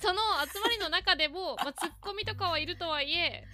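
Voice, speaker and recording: A woman's voice: extremely high pitch, a little fast, bright, forceful tone. A woman in her thirties co-hosting a podcast in casual chat, reading the intro and chiming in with frequent short agreements. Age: 30s. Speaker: podcast co-host.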